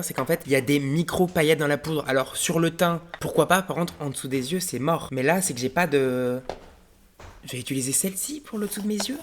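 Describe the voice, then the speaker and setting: A young man doing a makeup review vlog, with loud, dramatic exclamations between his comments. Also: a little high. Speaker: beauty vlogger.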